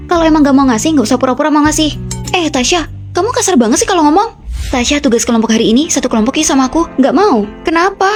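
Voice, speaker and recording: A woman dubbing every role in a short drama, with brisk, clipped line delivery. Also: sits high. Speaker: voice-over dubber of all roles.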